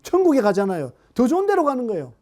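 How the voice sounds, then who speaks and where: A middle-aged man preaching a sermon to a congregation in an animated way, often asking them questions. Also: very high voice, quick pace. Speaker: pastor. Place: church hall.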